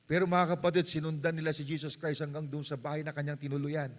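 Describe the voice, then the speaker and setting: A man with a Filipino accent, preaching a sermon as pastor with passion and mixing Tagalog and English, moving from hushed passages to shouting. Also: a little high, little pitch movement, fast. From Philippines. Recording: long reverb of a church hall.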